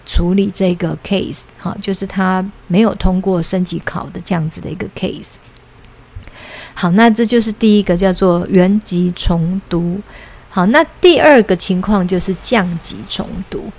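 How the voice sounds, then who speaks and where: Chatty Taiwanese woman, gravelly edge. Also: medium pitch, a little mellow. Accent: Taiwanese Mandarin. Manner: chatty, frequent "呃" fillers, mixes in English words. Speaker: podcast host, children's English teacher. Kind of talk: casual solo podcast talk.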